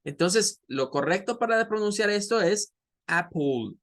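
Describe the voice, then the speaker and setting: A man's voice: sits high, expressive, fairly bright tone. Man teaching an online class. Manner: explains patiently, models sounds slowly. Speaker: English teacher.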